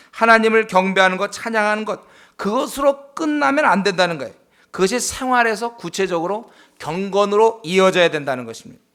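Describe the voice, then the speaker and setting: Male pastor, high-pitched, Bible study sermon, emphatic with rhetorical questions. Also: pushed and bright. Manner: emphatic, rhetorical questions, frequent affirming "yes".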